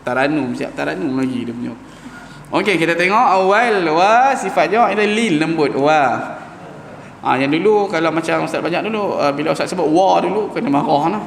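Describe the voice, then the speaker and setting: An expressive Quran teacher, whose voice is slightly high and gravelly, leads a recitation lesson in a casual manner. He slowly stretches out Arabic sounds as examples, while the large mosque hall adds a long, echoing reverb and a faint hum.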